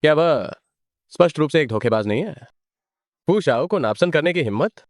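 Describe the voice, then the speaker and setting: A man's voice: a little high, normal speed, no echo, studio quality, close to an everyday voice. A man voicing a teasing young male friend in a dubbed drama, playful and mocking. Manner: teasing, lively.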